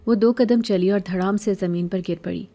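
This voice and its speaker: Mellow-voiced woman narrating a horror story. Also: mid-range voice, steady tone.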